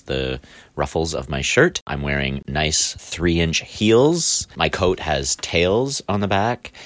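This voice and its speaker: A man's voice: very deep voice, a bit bright, no echo, clean studio sound. A man stage actor introducing himself for audio description in a wry way.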